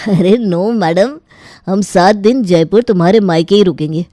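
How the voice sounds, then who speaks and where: A woman's voice: medium pitch, moderate pace, dark tone, no echo, clean studio sound, lightly acted. A woman voicing an easygoing young husband who teases his wife. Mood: teasing. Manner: teasing, easygoing. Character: cheerful young husband, joking son-in-law.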